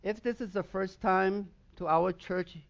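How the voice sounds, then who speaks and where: Preaching with emphatic surges of intensity, this Southern Swedish pastor speaks with a Swedish accent, Swedish being his first language. His high, creaky voice holds a steady tone at a measured pace, and the audio is dull.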